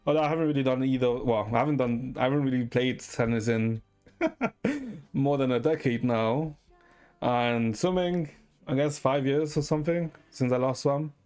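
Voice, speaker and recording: Chatting on stream in a meandering, hesitant way, this live streamer keeps adding "right?" to sentences and curses occasionally. The mid-range voice is expressive and a little mellow, moving at a moderate pace over soft background music.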